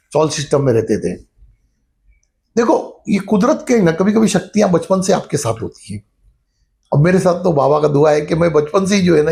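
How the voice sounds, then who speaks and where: A middle-aged man with a gravelly, crackling voice that sits a little high for a man talks through a spiritual lesson like an informal chat. He explains things step by step and keeps dropping the same filler phrase as he goes, easing into a story from his own childhood. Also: dark tone. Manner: conversational, repeats the filler "jo hai na" often. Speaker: spiritual teacher. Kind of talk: casual spiritual talk with storytelling.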